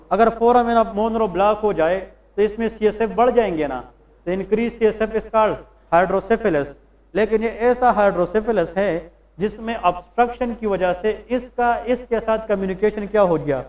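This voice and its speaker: High-voiced man lecturing, quizzing his class. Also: a little mellow, poor audio. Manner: quizzes students with questions and answers them himself; slows down to stress English terms. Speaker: medical lecturer. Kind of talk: Hindi-English classroom lecture.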